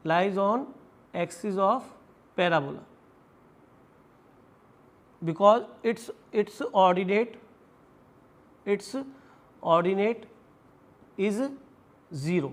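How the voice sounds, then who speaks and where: High-voiced Indian maths teacher. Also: male voice. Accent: Indian English. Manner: explains step by step, asks and answers his own questions; addresses students affectionately as "beta". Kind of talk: classroom lecture.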